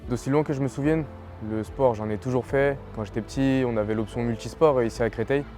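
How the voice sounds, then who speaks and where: A man's voice: mid-range voice, fast. A man of twenty from French Guiana, talking casually in an interview about his path in sport. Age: 20s. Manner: relaxed, talks plainly with fillers. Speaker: young athlete interviewee. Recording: interview with faint music underneath.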